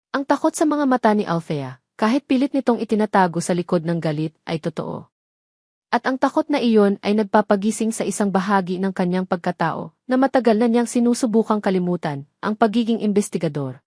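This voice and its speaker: A woman with a Filipino accent acts as storyteller, reading a scripted dramatic story in a mid-range, slightly mellow voice. The studio recording is clean, with no room sound.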